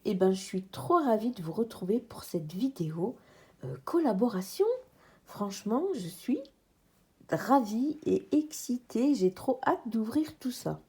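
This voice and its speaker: Bubbly French woman, mellow husky voice. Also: mid-range voice, lively intonation, unhurried. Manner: bubbly, chatty, drops to soft whispers at times. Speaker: crafts YouTuber. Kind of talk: casual unboxing chat.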